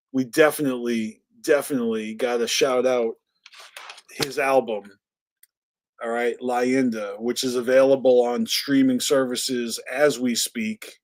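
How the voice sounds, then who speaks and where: Tipsy, foul-mouthed Boston man. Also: medium pitch. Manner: profane, rambling, laid-back. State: a little tipsy. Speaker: livestream host. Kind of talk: casual live stream chat.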